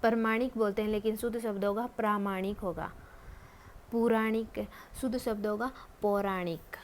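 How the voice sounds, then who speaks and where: A woman giving a Hindi spelling lesson, speaking patiently and deliberately and pausing often to think. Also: mid-range voice, steady tone, darkish tone, slight background noise. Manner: patient, deliberate, many drawn-out hesitations. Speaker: Hindi grammar teacher.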